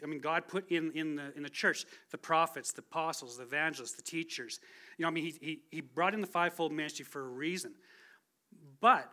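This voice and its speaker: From the pulpit of a church sanctuary, a man in his forties, there as a guest speaker, shares his testimony in an easygoing, conversational way and jokes about himself. His voice is on the high side, pushed and bright.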